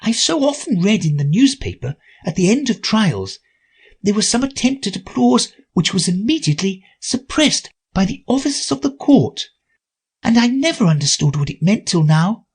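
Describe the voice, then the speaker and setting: A man's voice: sits high, big pitch swings, normal speed, vocal fry, slightly rough, voice pushed up, exaggerated voice. A man voicing a curious, polite young girl in a storybook reading, prim and earnest. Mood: musing.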